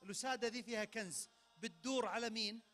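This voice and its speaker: A man's voice: high-pitched, quick pace. A man with a Saudi accent hosting a crowd party game in a big event tent, talking into a handheld mic and barking sudden commands. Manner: energetic, barks sudden commands. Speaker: game host at a public event. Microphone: handheld microphone.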